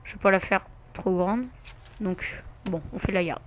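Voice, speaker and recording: A man's voice: high-pitched, steady tone, a little slow. A man giving casual gameplay commentary, muttering to himself with asides and mild swearing. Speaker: let's play gamer.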